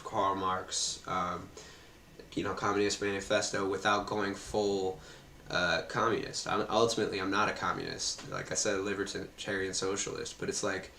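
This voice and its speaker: A man's voice: deep voice, little pitch movement, normal speed, pushed and bright. A man hosting a casual political debate on a stream, easygoing and full of hedging fillers. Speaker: stream host debating a guest. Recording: echoey room with faint ambient hiss.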